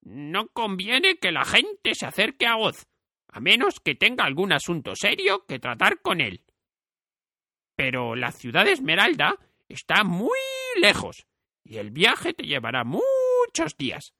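A man voicing a grave, cautious country host in a storybook reading, speaking slowly and seriously. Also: high-pitched, wildly swooping pitch, creaky, sharp tone, no room sound, clean studio sound, pitched above the performer's own voice, full character voice. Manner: grave, slow, warning. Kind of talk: audiobook character voice.

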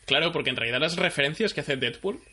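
A man co-hosting a casual film review talk, speaking in a measured way and steering the discussion. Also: on the high side, expressive, sharp tone, husky. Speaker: podcast co-host.

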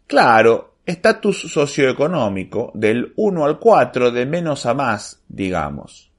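Guy doing a soft hushed granny clerk, argentine accent, sweet and calm, swoopy. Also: medium pitch, slow pace. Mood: gentle. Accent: Argentine Spanish. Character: sweet serene grandmotherly old woman clerk.

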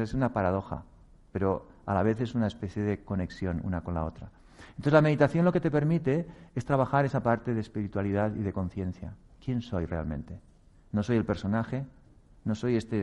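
A man's voice: medium pitch, mellow. A man from giving a reflective talk on meditation, speaking earnestly, chuckling at himself and acting out quoted voices.

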